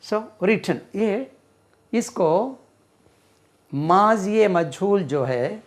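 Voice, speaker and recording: A man teaching English grammar, repeating words slowly while he writes on a board. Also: high voice, lively intonation. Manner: slow, repeats words and spells them out while writing. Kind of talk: classroom-style lesson explaining grammar.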